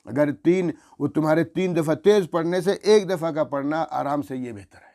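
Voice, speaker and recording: A male Quran teacher giving an earnest religious lesson, reciting prayer phrases slowly and deliberately as examples and correcting rushed recitation. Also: on the high side, mellow. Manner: earnest, instructive, corrects by demonstrating.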